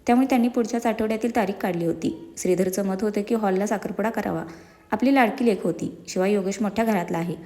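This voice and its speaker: A woman's voice: medium pitch, quick pace, dark tone, big-room sound. A woman reading a serialized romance story aloud, voicing every character's lines herself. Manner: reads every character's lines in her own voice.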